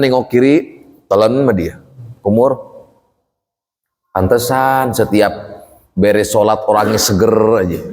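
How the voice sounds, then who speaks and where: A man, an Islamic cleric, giving a humorous, colloquial lesson on fasting law in a mosque. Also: medium pitch, darkish tone. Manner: joking, colloquial, acts out little scenes. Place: mosque hall. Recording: long hall reverb.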